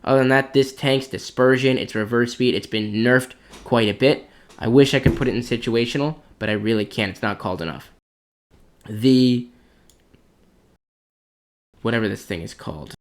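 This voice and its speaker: A man's voice: medium pitch, moderate pace, pauses often. A man giving blunt, opinionated commentary as he ranks tanks for competitive play, thinking aloud as he goes. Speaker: clan commander ranking tanks. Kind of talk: casual gaming commentary.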